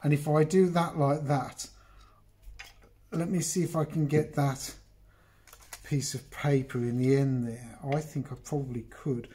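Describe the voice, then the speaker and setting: A man's voice: a little high, steady tone, a little slow, warm tone. Chatty English man in a workshop. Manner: chatty, rambling, self-interrupting, talks to the viewer. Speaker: woodworking video host. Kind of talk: casual workshop demonstration. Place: indoor woodworking workshop. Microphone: phone camera on the bench, moved around.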